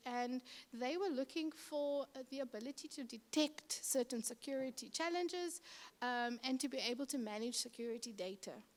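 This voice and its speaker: Woman, Cape Town South African accent, high voice, middle-aged, conference presentation, relaxed chatty delivery with fillers. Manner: conversational with frequent fillers. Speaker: city infrastructure manager.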